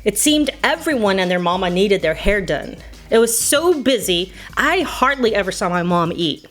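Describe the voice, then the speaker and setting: A storyteller from the United States narrates scripted personal memories over music, her medium-pitched, fairly bright voice swinging widely in pitch at a moderate pace. Her manner is playful and nostalgic, with Spanish phrases woven in.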